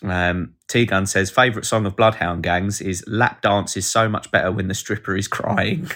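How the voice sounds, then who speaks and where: Rambling man with a low voice. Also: fairly even intonation, moderate pace, a bit bright. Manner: rambling, jokey, reads out chat comments. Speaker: podcast host. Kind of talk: casual live podcast chat.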